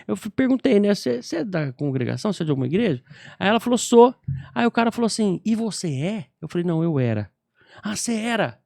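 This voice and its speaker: A Brazilian man co-hosting a church podcast, telling a personal story in lively casual chat and acting out the people in it. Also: high voice, very fast, gravelly, no room sound, studio quality. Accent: Brazilian Portuguese. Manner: animated, acts out voices in his stories. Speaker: podcast co-host. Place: podcast studio.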